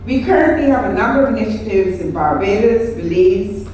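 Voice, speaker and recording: A Guyanese woman, a project director, gives a courteous formal address to dignitaries. Her pitch sits in a middle range. The recording is heavily echoey and distant, with faint room noise from the hotel function room. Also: expressive, fairly quick, warm tone. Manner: formal, courteous, reading protocol list. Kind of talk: formal speech. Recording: echoey hall, distant mic.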